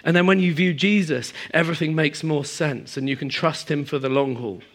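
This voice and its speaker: A man preaching a sermon to a congregation, moving between emphatic high passages and quiet, low stretches. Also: fairly quick. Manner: animated, swings from emphatic highs to quiet low asides. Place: church hall in front of a congregation.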